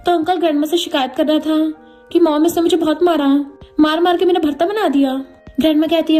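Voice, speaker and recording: A woman with a very high, mellow voice races through a drama recap, voicing each character's lines in her own plain tone. Faint music plays underneath. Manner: retells every character's lines in her own voice with quick Hindi-English mixing. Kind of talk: fast storytelling recap of a drama.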